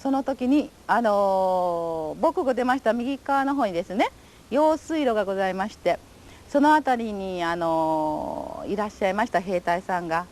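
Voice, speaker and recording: A woman's voice: medium pitch, normal speed, a little mellow, slight background noise. An older woman giving a recorded testimony interview, telling her memories in polite, formal, vivid storytelling. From Japan. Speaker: atomic bomb survivor giving testimony.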